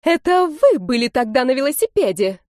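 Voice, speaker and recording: A high, shrill and self-important lady witness, put on by a woman reading an audiobook. She talks down to everyone, with indignant flare-ups, recorded close and dry. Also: very animated, normal speed, a little mellow, no room sound. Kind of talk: audiobook character voice.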